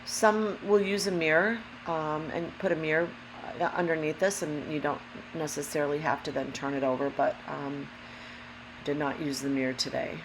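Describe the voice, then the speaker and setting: A woman hosts a relaxed craft tutorial in a low, gravelly voice roughened by allergies. She explains each step casually and carefully, taking her time. A noticeable mechanical hum runs behind her speech. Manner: unhurried, careful explaining with apologetic asides. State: allergy-affected voice, throat clearing. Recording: steady background hum, lawnmower noise. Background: lawnmower and hum.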